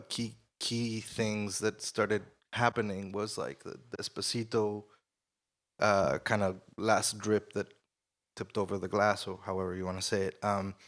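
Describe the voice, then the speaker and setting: Ecuador-born man, low voice, relaxed and rambling panelist on a handheld mic. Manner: relaxed, with many fillers and restarts. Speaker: panelist, studio manager and engineer. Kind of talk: conference panel talk. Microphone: shared handheld mic.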